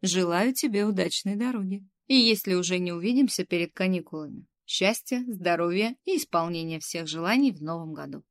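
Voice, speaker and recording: A woman's voice: on the low side, animated. A woman putting on a fussy, coaxing kindergarten boss. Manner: coaxing, bossy, quick to scold. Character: middle-aged female kindergarten head, fussy and coaxing.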